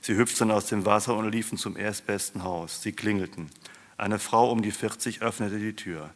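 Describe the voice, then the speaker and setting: A man with a low voice reads a story aloud with a dry, deadpan delivery. His voice rings with a long reverb, as in a large hall. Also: moderate pace. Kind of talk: storybook reading.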